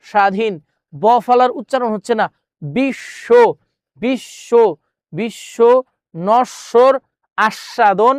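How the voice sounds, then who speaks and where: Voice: medium pitch, no room sound, studio quality. A teacher running an exam-prep grammar lesson, repeating words and questions, asking viewers, then answering.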